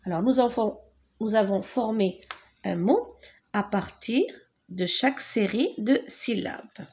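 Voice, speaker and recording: Slow-speaking woman teaching syllables. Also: medium pitch, expressive, darkish tone. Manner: slow, spells out words syllable by syllable. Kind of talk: French lesson on syllables.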